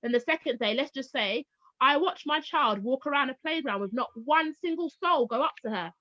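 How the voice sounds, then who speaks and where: A high-pitched woman from Barbados, a teacher turned homeschooling parent, tells lively stories in a casual interview. She acts out the people she quotes. The sound is dry and a little dull, like a lo-fi recording. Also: normal speed, dry recording. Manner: animated storyteller, acts out quoted voices. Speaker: guest, former teacher now homeschooling parent.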